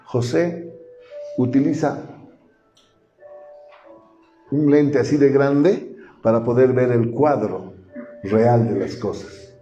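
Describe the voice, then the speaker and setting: A man's voice: medium pitch, slow, pauses often, dark tone, soft background music. A male pastor, preaching a sermon, asking the congregation questions and acting out voices from the story. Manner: asks the congregation questions and acts out quoted speech. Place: church hall. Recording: roomy church sound, slightly dull.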